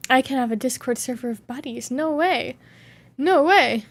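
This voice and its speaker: A woman streamer with a high voice hosts a casual live Q&A chat at normal speed. She reads viewer questions aloud and reacts playfully, giggling often.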